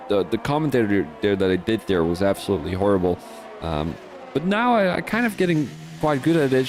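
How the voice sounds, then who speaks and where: A young Dutch man with a Dutch accent commentates a sim racing league, mixing live race commentary with casual chat in a chatty, rambling way full of restarts. His voice is medium-pitched with a darkish tone.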